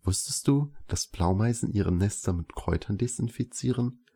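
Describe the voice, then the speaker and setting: A man reading a story aloud, voicing a young female veterinary student who loves birds, in a softened, slightly raised voice. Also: lowish voice, lively intonation, moderate pace, vocal fry, breathy edge, heavily acted. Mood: enthusiastic.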